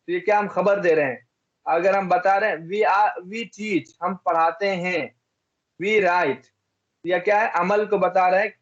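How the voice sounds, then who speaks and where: A man's voice: high-pitched, muffled recording. A man from India teaching an English grammar lesson, repeating each example and asking and answering his own questions.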